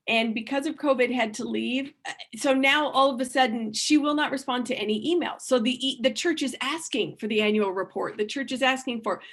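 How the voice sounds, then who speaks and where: A woman's voice: on the high side, fairly bright tone. A woman giving a workshop presentation, earnest and thinking aloud, with frequent restarts and repeated words. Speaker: conference speaker.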